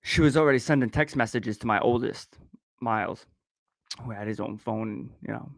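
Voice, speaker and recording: A man's voice: medium pitch, moderate pace, vocal fry, dry recording, studio quality. A man telling a personal story in casual chat, swearing constantly and laughing between sentences. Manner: profane, rambling, laughs often. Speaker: podcast host.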